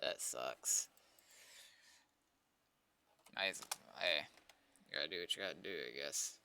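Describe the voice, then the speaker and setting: An American game developer rambles hesitantly and casually while live-streaming his work. His voice is extremely low, slow and creaky, with a pushed, bright quality, and there's a little hiss or hum in the recording.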